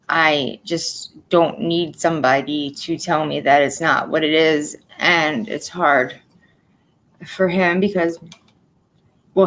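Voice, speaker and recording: A woman with a fairly low voice gives an emotional personal update to her viewers. She talks bluntly and plainly, swears freely and repeats phrases to drive her point home. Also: fairly bright tone, rough recording. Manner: blunt and profane, venting frustration; plainspoken, repeats herself for emphasis. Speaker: vlogger.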